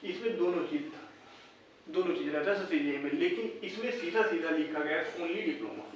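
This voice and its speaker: A man hosting YouTube exam updates speaks briskly in a slightly high voice, delivering blunt, argumentative commentary packed with rhetorical questions. He's recorded informally on a distant mic in an echoey room, with slight background noise.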